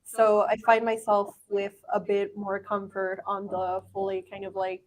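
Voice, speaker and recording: A woman chatting casually as a prop maker on a panel, halting and given to giggles, recorded in a noisy room. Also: mid-range voice, monotone. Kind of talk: casual chat.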